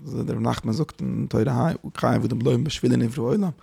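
A man giving a spoken religious lecture as a teacher, halting and searching for words, often dropping in English terms. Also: mid-range voice, gravelly, dark tone, breathy edge.

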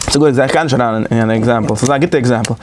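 A man leading a class discussion in an informal study-group lecture. He talks in a halting way, restarting and repeating words often, and turns animated and emphatic. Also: medium pitch, faint music behind.

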